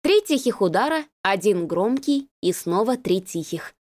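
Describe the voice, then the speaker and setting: A woman reading a novel aloud as an expressive narrator. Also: medium pitch, measured pace, no room sound. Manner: expressive, lively storytelling. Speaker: audiobook reader. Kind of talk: scripted narration.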